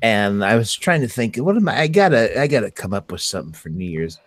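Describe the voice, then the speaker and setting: Guy hosting a podcast, giggles a lot, pitch bounces around, dead dry mic. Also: big pitch swings, dry recording. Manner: giggly, quick to laugh. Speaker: podcast host. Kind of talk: casual banter.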